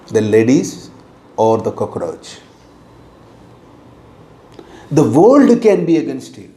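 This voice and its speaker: A middle-aged man with an Indian English accent giving a motivational talk, slow and deliberate, repeating his key phrases. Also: fairly high pitch, dark tone. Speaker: motivational teacher. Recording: echoey room.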